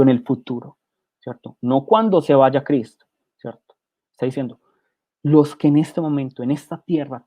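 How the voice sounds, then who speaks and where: A man's voice: mid-range voice, muffled recording. A man preaching a sermon, explaining scripture and often asking his listeners a rhetorical question. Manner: rhetorical, keeps asking "¿cierto?"; reads scripture aloud between explanations.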